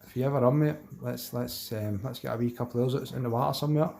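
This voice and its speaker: A Glaswegian man chats casually on a fishing live stream, reading viewer messages and answering them in a matey, rambling way with colloquial Scots wording. His mid-range voice is fast, gravelly, and dark, with fairly even intonation.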